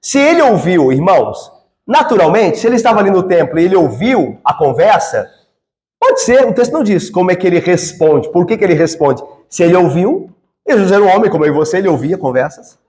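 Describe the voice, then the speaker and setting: A man's voice: high voice, very animated, a little fast, darkish tone. A Brazilian man, a pastor, preaching an expository sermon in a church and often asking the congregation rhetorical questions.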